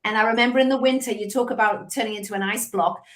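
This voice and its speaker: A fast-talking woman with a fairly high voice tells stories in a relaxed interview conducted by video call. She's a sales coach in her fifties from Liverpool, England, and her chatty storytelling is sprinkled with spirited asides.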